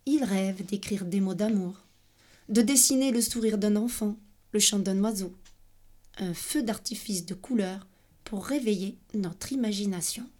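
A woman reading a children's storybook aloud with expressive, playful narration. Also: medium pitch, measured pace.

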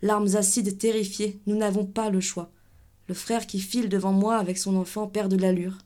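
A woman giving a dramatic literary reading, with an intense, measured delivery in short clipped phrases. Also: mid-range voice, flat delivery, warm tone.

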